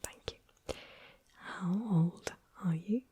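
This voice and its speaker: A woman whispering softly and gently through an ASMR interview roleplay. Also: on the low side, steady tone, slight background noise. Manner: soft, slow, gentle whispering. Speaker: ASMR creator.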